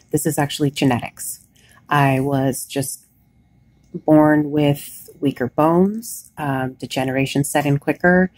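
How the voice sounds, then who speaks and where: A woman recording a casual, candid video diary, sounding weak and worn out after surgery, talking haltingly. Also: extremely low pitch, darkish tone, breathy edge, no echo. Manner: candid, plain-spoken. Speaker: patient vlogger recording a recovery diary. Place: hospital bed, indoors.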